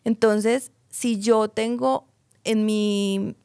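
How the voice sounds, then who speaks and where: A woman's voice: medium pitch, steady tone, extremely slow, dark tone, clean tone, dry recording, studio quality. A woman, a psychologist guest explaining ideas in a podcast and checking that she is understood. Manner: checks understanding with tag questions.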